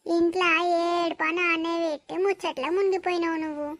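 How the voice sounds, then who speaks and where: A woman's voice: extremely high pitch, steady tone, a little fast, no echo. A woman voicing a bossy old village mother-in-law with a Telangana accent, scolding and nagging. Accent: Telangana Telugu. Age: over 60.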